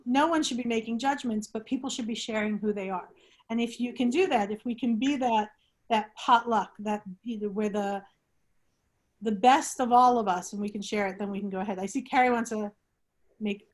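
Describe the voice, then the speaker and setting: A woman hosts an online group discussion over a video call. Her voice sits a little high. She talks in a rambling, animated way and often restarts her sentences. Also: moderate pace. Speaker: discussion host. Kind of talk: casual talk to an online group.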